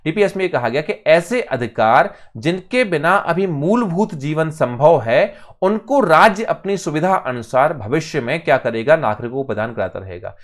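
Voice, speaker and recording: A man's voice: fairly high pitch, animated, moderate pace, hardly any pauses. A man teaching an exam-prep lecture in Hindi, posing questions and answering them himself, often checking in with "ठीक है". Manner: emphatic, with sudden bursts of loudness on key terms.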